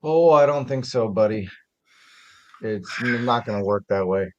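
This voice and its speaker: A man's voice: fairly low pitch, animated, normal speed. Easygoing man on dull lo-fi audio. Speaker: host. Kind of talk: casual livestream chat.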